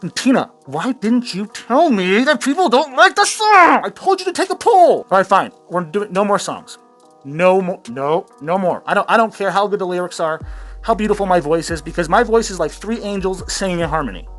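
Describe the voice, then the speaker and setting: A man hosts a satirical commentary show, rambling through a sarcastic rant, swearing freely and laughing at his own jokes. His high-pitched voice is a bit bright and sing-song, at normal speed. Faint music plays behind the profane rant.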